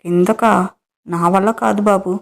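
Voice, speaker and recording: A woman's voice: mid-range voice, fairly even intonation, unhurried, vocal fry. A woman voicing a tired, sulky young woman in a romance audio story, with a whiny, pleading way of talking.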